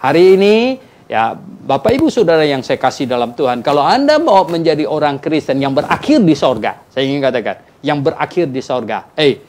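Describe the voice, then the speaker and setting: Man, pastor guest, church talk show, very lively swooping pitch, acts out dialogues. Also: brisk. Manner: animated, acts out quoted dialogues, frequent "ya" tags.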